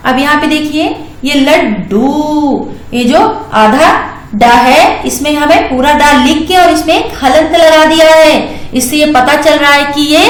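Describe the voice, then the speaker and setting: A high-voiced woman teaches young children at an unhurried pace, stretching out and repeating each syllable. Her patient lesson sounds echoey, as if recorded in a bare room.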